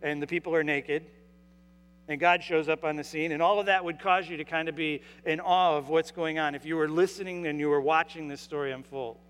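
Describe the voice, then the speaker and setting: A man's voice: on the high side, fairly even intonation, fairly quick, fairly bright tone. Earnest man preaching in a reverberant hall. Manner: earnest, with frequent restarts and repeated words. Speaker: pastor. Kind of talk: sermon. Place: church sanctuary during a service. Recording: long reverb from a large hall.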